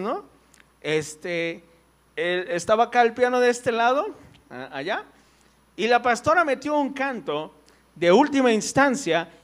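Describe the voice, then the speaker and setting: A man's voice: very high-pitched, a bit bright. A man preaching a conversational sermon in church. He tells personal stories, full of fillers and "right?" tags.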